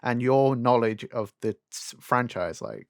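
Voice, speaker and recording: A young man with a mid-pitched voice and a dry, close sound chats casually as a co-host. He gripes freely, swears, and throws out rhetorical questions. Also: lively intonation, measured pace, vocal fry, dry recording. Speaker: podcast co-host. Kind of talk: casual chat about animation and games.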